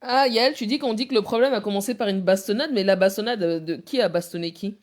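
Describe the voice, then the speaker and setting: A woman's voice: mid-range voice, fast talker. A woman hosting a live stream, teasing, laughing often and asking her viewers questions. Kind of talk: mocking live commentary.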